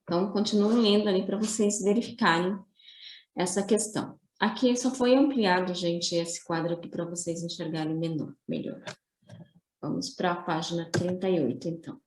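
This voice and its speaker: Patient woman teacher, low voice, echoey room. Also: moderate pace, a little mellow, a little hiss or hum. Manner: patient, explains step by step with many tag questions. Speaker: primary school teacher. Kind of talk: recorded remote class explanation.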